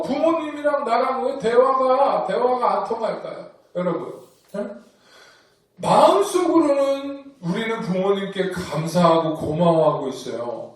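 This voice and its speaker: A man's voice: very high-pitched, distant mic. A man preaching a youth sermon, coaxing the kids with questions. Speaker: youth pastor. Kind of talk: sermon to teenagers. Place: church hall. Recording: echoey room, voice from afar.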